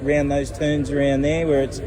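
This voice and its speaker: A man's voice: on the high side, level tone, fairly quick, background noise. A man interviewing a driver at a racetrack, casual and eager, dropping lots of yeahs. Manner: casual, enthusiastic, says mate and yeah a lot. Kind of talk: trackside interview. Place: outdoors at a racetrack.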